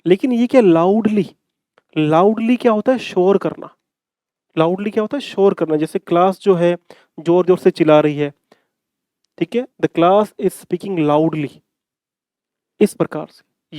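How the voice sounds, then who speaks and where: Brief: male grammar teacher, a little high and mellow, dry close sound, repeats points and quizzes the class. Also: no echo. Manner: calls students "bhai". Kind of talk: exam-prep grammar lesson.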